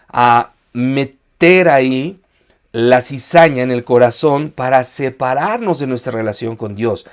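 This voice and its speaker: A man giving an earnest sermon as a pastor, asking his listeners rhetorical questions. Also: medium pitch. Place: church online meeting.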